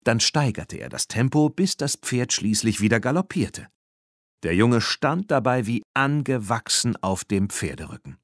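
A man narrating a children's audiobook in an expressive storytelling manner. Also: medium pitch, measured pace, no echo, clean studio sound. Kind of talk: scripted narration.

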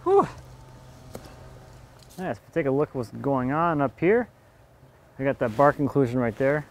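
A man in his thirties who runs a sawmill gives casual on-site narration while sawing a log outdoors in the yard. His medium-pitched voice is sing-song and moderately paced, and there is slight background noise. He thinks aloud and chuckles occasionally.

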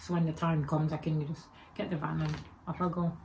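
Talking quickly in a flat, low, dark voice, a forties vlogger from England rambles and corrects herself while chatting to camera at home. Her Birmingham English shows Jamaican and Egyptian traces, and she records indoors at her desk on a webcam or phone camera, surrounded by spooky shelves, with slight background noise.

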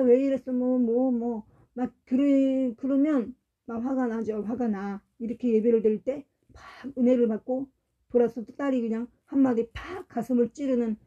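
A woman's voice: a little high, mellow, muffled recording. A middle-aged woman preaching a sermon, speaking with emotion, telling family stories and asking the congregation rhetorical questions.

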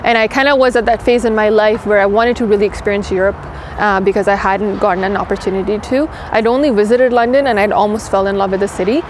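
A woman's voice: medium pitch, fairly even intonation, slight background noise. Chatty young woman outdoors in a city. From Pakistan, raised in Toronto. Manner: quick, chatty, many "like" fillers. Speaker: engineering director, interview guest. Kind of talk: casual interview answers. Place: outdoor garden courtyard in a city.

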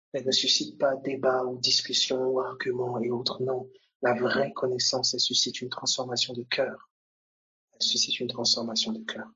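A man's voice: medium pitch, fairly bright tone, slightly rough, lo-fi sound. A man preaching a sermon, repeating key phrases and growing more emphatic as he goes.

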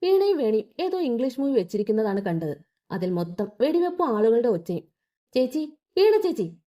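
A woman's voice: on the high side, sing-song, fairly quick, mellow. A woman narrating a story expressively and voicing all the characters herself.

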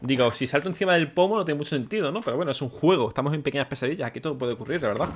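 A young man giving excitable, swearing let's play commentary, yelping at scares. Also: a little high, rapid-fire, slight background noise. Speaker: gaming YouTuber. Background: game music.

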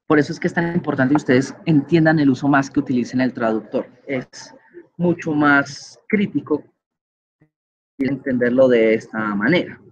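Patient man teaching, husky lo-fi. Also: mid-range voice, normal speed. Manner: patient, explanatory, many fillers and checks like "¿sí?". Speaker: English teacher. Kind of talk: online lecture explaining grammar.

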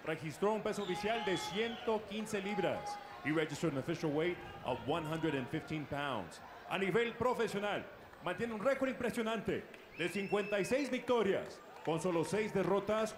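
A man announcing formally as a bilingual boxing ring announcer, in a theatrical, booming lucha libre announcer manner with drawn-out names. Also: expressive. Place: boxing ring in a large indoor arena. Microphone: handheld microphone. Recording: echoey arena microphone with noisy background.

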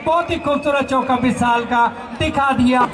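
A man giving excited live commentary on a local cricket final, often shouting over the crowd at an outdoor stadium. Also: very high-pitched, moderate pace. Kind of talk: live match commentary over a public address. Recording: echoey distant stadium sound with crowd and noise.

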